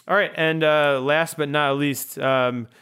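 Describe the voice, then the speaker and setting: A man's voice: fairly high pitch, fairly even intonation, measured pace, pushed and bright, clear, resonant tone. A man hosting a podcast, talking casually and rambling with many ums and restarts. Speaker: podcast host. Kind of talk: casual interview chat.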